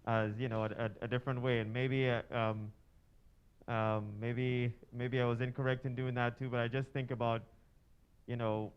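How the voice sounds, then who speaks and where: Guy at a church workshop, stops and restarts a lot, smooth voice but muffled recording. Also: medium pitch, level tone. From Trinidad and Tobago. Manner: halting, many fillers and restarts. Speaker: workshop participant.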